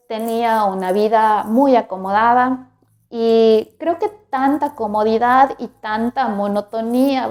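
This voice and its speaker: Higher-voiced woman podcaster. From Ecuador. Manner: reflective and candid, warm direct address to listener. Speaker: podcast host. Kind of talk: personal storytelling monologue.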